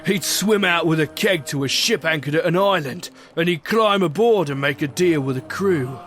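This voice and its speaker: A bearded pirate captain played by a man spins his adventure in a rather high voice over music. He is hearty and boastful, with a wistful streak, and talks in salty dialect like a storyteller in an audio drama. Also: moderate pace, fairly bright tone, lightly acted. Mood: storytelling. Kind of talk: scripted pirate adventure narration.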